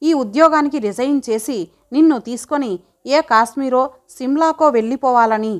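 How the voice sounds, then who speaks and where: A woman's voice: sits high, normal speed, lightly acted. A woman voicing a playful young man in love in a storybook reading, with teasing, flowery romantic lines. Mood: tender. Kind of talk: audiobook character reading.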